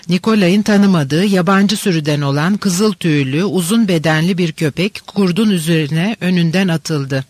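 Audiobook narrator, male, higher-pitched voice, steady measured reading, dry close sound. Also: dry recording. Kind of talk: reading a novel aloud.

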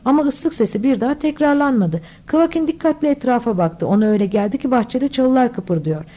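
A woman narrating an audiobook with a mellow, warm tone and a voice pitched a little high for a woman. She reads steadily and dips lower when she does the characters. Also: lively intonation, a little fast. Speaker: audiobook reader.

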